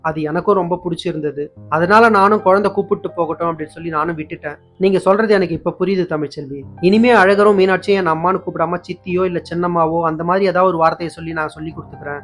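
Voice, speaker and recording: A man voicing a hurt young woman who pleads and pities herself, talking fast. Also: fairly low pitch, fairly even intonation, natural voice. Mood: pleading hurt. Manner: pleading, self-pitying. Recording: dull lo-fi with faint music.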